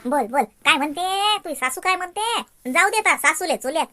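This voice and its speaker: Woman voicing an old village aunt, Varhadi accent, folksy cartoon chatter, high, dry. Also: expressive, sharp tone, dry recording, heavily acted. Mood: chatty teasing. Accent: Varhadi Marathi. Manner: folksy, drawn-out, laughing chatter.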